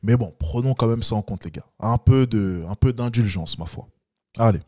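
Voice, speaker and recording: A man with a dark-toned voice speaks at a moderate pace, delivering blunt reaction commentary as a dating coach. He lectures his listeners and mocks people by imitating them in a high-pitched voice.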